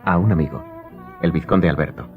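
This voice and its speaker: An actor playing a composed, protective aristocratic count in a radio drama, formal and assured. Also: male voice, sits low, a little fast, natural voice. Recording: slightly muffled, faint music behind.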